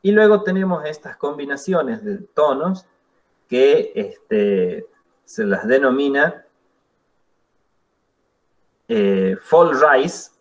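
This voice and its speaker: A man teaching an English class, explaining slowly and patiently with spoken examples. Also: mid-range voice, animated. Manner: slow, patient explaining with demonstrations. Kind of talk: classroom lesson.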